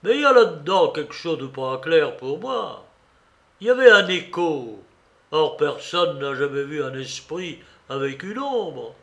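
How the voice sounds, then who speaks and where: A man's voice: fairly high pitch, sing-song, measured pace, heavily acted. Long John Silver, as a man voices him. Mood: defiant. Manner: loud, blustering, forcing his courage. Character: old one-legged pirate chief, scheming, defiant. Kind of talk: dramatic reading of a novel.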